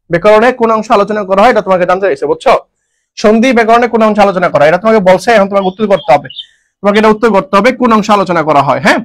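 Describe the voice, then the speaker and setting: A man teaching a grammar lesson online, repeating each point, asking and answering his own questions, with jokes and homely dialect forms. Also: high voice.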